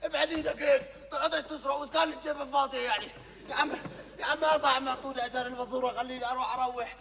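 An actor with a Jordanian accent playing a naive, excitable young drifter in a televised stage comedy, loud and quick to flare up. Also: male voice, extremely high pitch, gravelly, slight background noise, heavily acted. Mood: indignant. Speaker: comic actor. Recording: reverberant stage hall, live audience.

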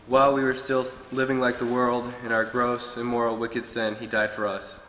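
A man's voice: mid-range voice, monotone, normal speed, fairly bright tone, a little hiss or hum. A young man preaching a short sermon from a pulpit, earnestly reading from his notes. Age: young adult. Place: church hall with wood-paneled walls. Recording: echoey hall with long reverb.

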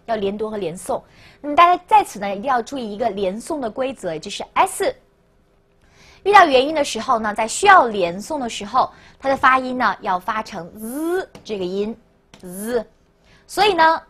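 A woman teaching a language lesson, coaxing and repeating words slowly for students to echo. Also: a little high, a bit bright, breathy edge. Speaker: French teacher.

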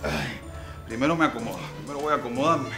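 A man's voice: medium pitch, quick pace, vocal fry, pushed and bright, reverberant, soft background music. A man with a Cuban accent playing a weary older man stranded by a broken train, sighing and complaining to himself in a comedy sketch. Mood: grumbling.

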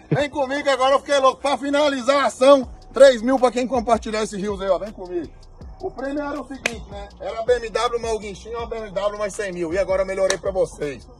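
A man doing an excited, loud sales pitch for a raffle prize. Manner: excited, shouting promo patter. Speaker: raffle promoter. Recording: over loud music.

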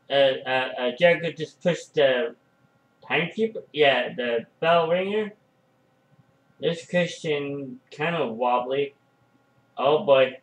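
Casual male fan commentator, slow and halting, excitable bursts, slightly high voice, echoey room. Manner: excitable, frequent "oh" and "uh" fillers. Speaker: fan commentating a wrestling match.

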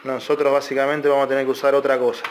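A man's voice: medium pitch, level tone, very fast, a little hiss or hum. Man explaining electronics repair. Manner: loose, explanatory, many fillers and restarts. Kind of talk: casual technical tutorial.

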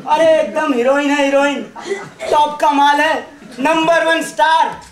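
A brash young man, showy and boastful, flaring into shouts, as an actor plays him on stage. His voice rides high, and the stage gives it a ringing echo. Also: fairly even intonation, unhurried, a crowd in the background. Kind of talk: live stage play acting. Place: theatre stage. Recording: echoey stage.

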